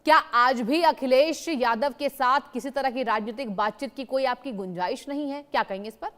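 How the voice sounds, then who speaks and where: A woman TV news anchor asking an interview guest polite, measured questions in a formal style. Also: high-pitched.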